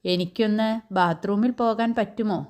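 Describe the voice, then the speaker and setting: A woman's voice: mid-range voice, a little slow, a little mellow, close to an everyday voice. A woman voicing a bedridden older male patient who asks things in a hesitant, pleading way. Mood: worried.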